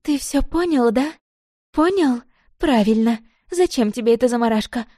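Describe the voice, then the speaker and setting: Jealous young woman, desperate and shrill, pitched up high, as a woman reader puts her on. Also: expressive, normal speed, warm tone, no room sound, clean studio sound. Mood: heated, pleading. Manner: shrill, pleading then furious.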